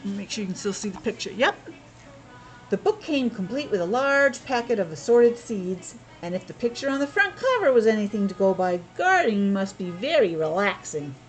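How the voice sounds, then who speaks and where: A very animated woman with a medium-pitched voice reads at a normal speed, with faint music behind her. She is a teacher taking young children through a picture book, stopping often for casual explanations, questions and asides. The recording is rough.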